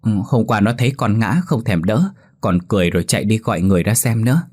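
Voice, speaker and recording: A man's voice: on the low side, quick pace, a little mellow, lightly acted. A man voicing a sleepy, sulky young village boy in a spoken ghost story, talking plainly like a child. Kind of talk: horror story reading.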